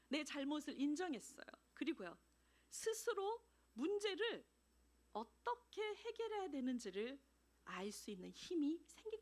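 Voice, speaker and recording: A woman missionary preaching a sermon in a church, animated and acting out everyday dialogues. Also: high voice. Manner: animated, acts out dialogues, laughs often.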